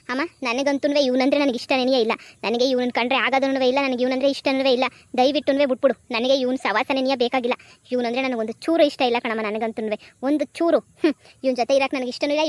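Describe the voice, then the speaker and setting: A woman doing a sharp-tongued young village wife. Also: high-pitched, no echo, close to an everyday voice. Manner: pleading sweetly to her father-in-law, then scolding with contempt. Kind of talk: cartoon comedy voice acting.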